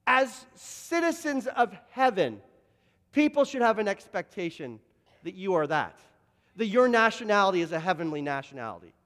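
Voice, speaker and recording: A pastor with a notably high voice for a man tells stories from the pulpit. He keeps stumbling into quick repeats and restarts as he builds each point. His voice rings out with a long reverb, as if across a church hall. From Canada, Toronto. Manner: lively anecdotes, frequent word repeats and restarts. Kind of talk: storytelling sermon.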